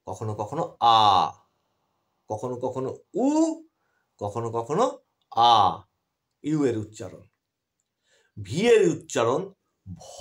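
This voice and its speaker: Lively-voiced man teaching English letters. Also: mid-range voice. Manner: explains patiently with many restarts and questions to students. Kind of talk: explanatory online lesson.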